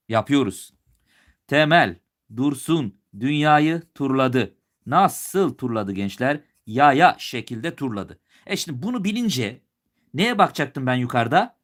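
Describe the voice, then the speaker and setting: Going question by question in a live exam review, this Turkish man asks things aloud and answers them on his own. His voice is fairly high and fairly bright, and now and then he slips into a slight regional lilt.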